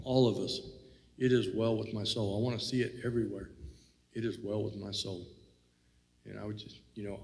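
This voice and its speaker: A man's voice: lowish voice, gravelly, darkish tone, long reverb tail. A man co-hosting a casual faith talk, reflective and rambling, with many "you know"s. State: has the hiccups. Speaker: co-host.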